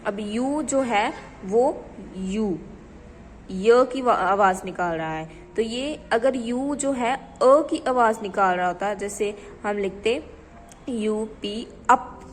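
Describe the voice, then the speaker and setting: Woman grammar teacher, slightly high voice, deliberate reading of examples, reverberant room with faint hiss. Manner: checks understanding with repeated rhetorical questions. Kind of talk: classroom lesson explaining grammar.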